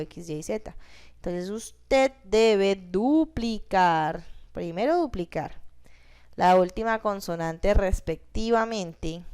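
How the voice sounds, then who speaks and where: Slow, clear-voiced woman teacher. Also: medium pitch. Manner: patient, repeats rules, asks checking questions. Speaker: English teacher. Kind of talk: classroom grammar explanation.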